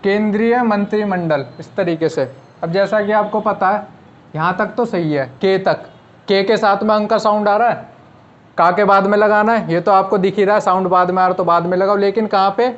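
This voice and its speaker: This high-pitched man keeps a steady tone and moderate pace over lo-fi sound. He's teaching shorthand online, patiently walking through each step and answering his own rhetorical questions.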